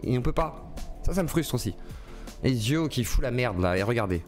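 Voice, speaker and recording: A man's voice: mid-range voice, expressive, moderate pace, over music. A man live-streaming, reacting to a video with an indignant, crude rant and mocking put-on voices. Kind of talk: ranting live-stream commentary.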